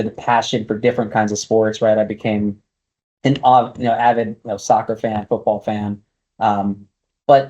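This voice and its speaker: A casino executive in his forties appears as an interview guest, answering questions thoughtfully with many fillers and restarts. A native Spanish speaker, he's from Brooklyn, New York, in the United States and was raised partly in Guatemala. His voice is lowish and warm, captured with lo-fi sound.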